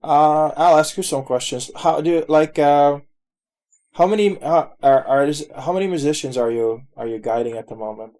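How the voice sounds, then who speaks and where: A man's voice: a little high, normal speed, darkish tone. A man hosting a casual video call with his brother and friends, asking rambling questions that often restart. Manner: rambling, self-interrupting questions. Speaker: video chat host. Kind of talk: casual chat.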